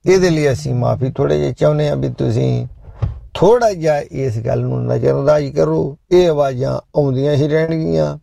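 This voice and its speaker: A middle-aged man hosting a live show, chatting loudly and jokily with listeners and preaching a little between songs. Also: on the high side, vocal fry, dry recording, studio quality. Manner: loud, preachy, jokey, talks directly to listeners. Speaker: show host.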